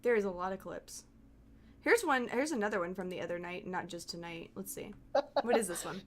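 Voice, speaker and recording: Excitable woman streaming games. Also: on the low side, a little fast. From Texas. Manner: excitable, laughs often, swears casually. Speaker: game streamer. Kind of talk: casual live-stream chat.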